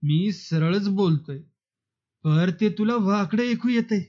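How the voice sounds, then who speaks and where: A man's voice: high-pitched, slow pace, warm tone, lo-fi sound. A man voicing a brash village man who taunts and quarrels in a storybook reading. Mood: taunting. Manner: taunting, defiant.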